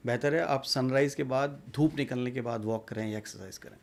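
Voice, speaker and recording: Male doctor guest, gravelly voice, measured explainer. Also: medium pitch. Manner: measured, explanatory, mixes English terms. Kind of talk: medical interview answers.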